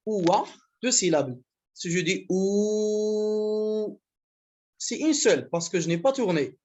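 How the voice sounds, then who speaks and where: A Moroccan man teaches a French class over a video call, explaining step by step and drawing out each example word. His voice sits high and has a husky, breathy edge. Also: a little mellow. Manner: explains slowly, stretching example words, switching into Moroccan Arabic. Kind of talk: online class lecture.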